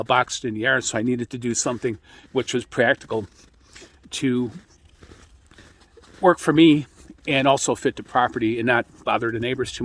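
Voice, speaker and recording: A middle-aged American man giving an informal, rambling explanation as a radio hobbyist, speaking in a halting way. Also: medium pitch, fairly bright tone, husky. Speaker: amateur radio hobbyist hosting an introductory video.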